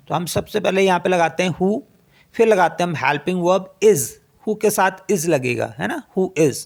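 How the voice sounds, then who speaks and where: A man, a native Hindi speaker, teaching spoken English in a lesson, reading out example sentences slowly and repeating them for practice. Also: high-pitched, gravelly.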